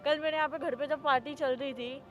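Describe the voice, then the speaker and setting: A woman's voice: high-pitched, fairly even intonation, a little fast, fairly bright tone, soft background music. A woman playing a scolding, impatient daughter-in-law. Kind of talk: staged family drama.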